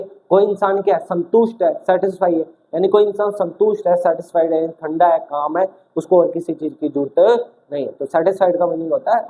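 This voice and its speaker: A young man teaching exam vocabulary in a lively classroom style, asking questions and answering them himself and acting out little stories. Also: high-pitched, low-quality recording. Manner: acts out little stories with shouted quotes. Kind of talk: energetic classroom-style video lesson.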